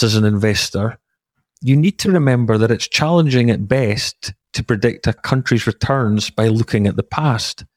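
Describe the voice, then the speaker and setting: Guy hosting a podcast, kinda deep voice, reads from a script, measured and formal, no room echo. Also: clean studio sound. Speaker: podcast host. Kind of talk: scripted narration.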